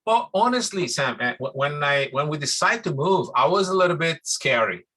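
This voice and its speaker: Animated and fairly high-pitched, a middle-aged Brazilian man talks at a moderate pace as a musician guest in a casual interview. He speaks English with a Brazilian accent, Portuguese being his native language, and his warm, rambling answers are full of restarts.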